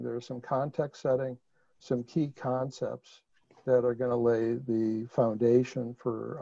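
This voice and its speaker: A man with a Chicago accent presents a webinar on a video call, speaking conversationally with fillers and restarts. His voice is medium-pitched, creaky and dark in tone, with no room sound, and the call audio comes through muffled.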